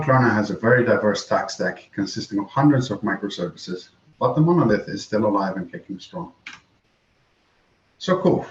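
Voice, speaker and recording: A man from the Netherlands, a software engineer, giving a scripted conference presentation and reading prepared text evenly. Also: fairly low pitch, slight background noise. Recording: roomy, dull home recording.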